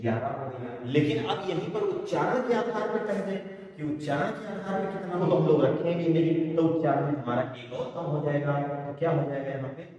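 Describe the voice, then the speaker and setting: A man's voice: a little high, moderate pace, a crowd in the background. A male teacher giving a classroom lecture, asking questions and answering them himself, repeating key words in a sing-song way. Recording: echoey room from far off.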